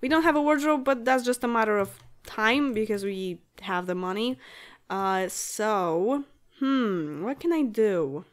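A woman's voice: mid-range voice, measured pace. A woman in her late twenties, a native Polish speaker, giving chatty let's-play commentary in English, thinking aloud and giggling often. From Poland. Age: late 20s. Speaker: gaming channel host.

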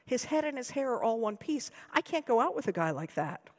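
A woman's voice: on the high side, very animated, fairly quick, pitched above the performer's own voice. An American woman reading aloud gives voice to a sweet, vain, gossipy doll in a sugary, confiding manner. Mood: dismissive. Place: lecture hall. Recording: long hall reverb.

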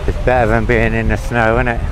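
Male travel vlogger, mid-pitched, relaxed chatty walk-and-talk, windy outdoor camera-mic sound. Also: quick pace. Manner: chatty, relaxed running commentary. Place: outdoors on a windy beach promenade. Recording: wind and outdoor noise on the mic. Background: sea, wind and passing traffic.

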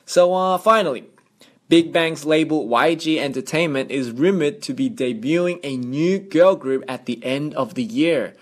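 A young Australian man hosts a radio show, chatty and upbeat, breaking into playful vocal sound effects. His voice sits a little high for a man. He talks close to a studio microphone. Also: moderate pace. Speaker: radio host. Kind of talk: casual radio hosting.

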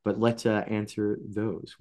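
A man in his thirties hosting a writer interview on a video call, talking in an animated, expressive way. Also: on the low side, unhurried. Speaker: interview host. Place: home studio with colored light strips.

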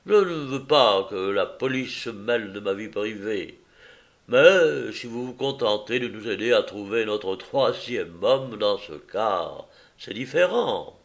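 A man doing a loud, brusque foreign visitor. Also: on the low side, expressive, takes it slowly. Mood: insistent. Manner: loud, insistent, slightly suspicious. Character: brusque, touchy foreign male visitor, middle-aged.

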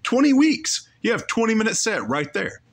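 A podcast host reacts to a comedy show clip with rambling, opinionated casual commentary, correcting himself along the way. His voice is high-pitched, husky and very animated, at a moderate pace.

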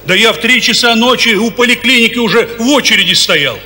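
An actor on a comedy stage playing a frazzled patient who shouts his words in exasperation. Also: extremely high pitch, fairly quick, in a large hall, slight background noise, full character voice. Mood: exasperated.

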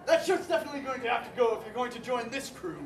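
A woman playing a bossy, playful pirate captain on stage, booming and teasing the audience in a live show. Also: racing, crowd noise, background noise, close to an everyday voice. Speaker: stage actor. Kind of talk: live interactive theatre. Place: indoor theatre, live audience. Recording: echoey hall from far off with audience.

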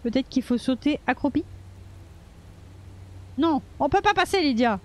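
A woman streamer gives loose, playful commentary as she plays, bantering with the game characters and swearing freely. Her voice sits high, and she talks at a slow, drawn-out pace. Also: animated. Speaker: gaming streamer. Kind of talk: casual let's-play commentary.

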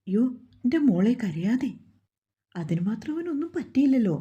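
A fretful, loving mother, voiced by a woman storyteller soothes and pleads in a mellow, breathy voice. The recording sounds dull and lo-fi. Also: fairly high pitch, big pitch swings, normal speed, full character voice. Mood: soothing, worried. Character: anxious, loving middle-aged mother comforting her daughter.

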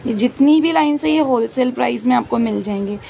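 Woman, high voice, heavy vocal fry, chatty price-listing, faint street noise. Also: a little fast, dark tone. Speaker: market vlogger. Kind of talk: walking market tour vlog. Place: busy outdoor street market. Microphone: handheld phone camera. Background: street market ambience.

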